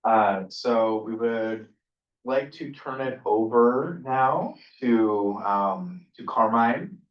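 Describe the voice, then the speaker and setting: A fairly low-pitched man runs a public council meeting in a loose, hesitant way, filling gaps with fillers. He sounds far from the microphone, in a roomy, echoing space. The sound is dull and muffled. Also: very slow. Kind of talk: presiding over a public meeting. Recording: distant muffled mic in echoey room.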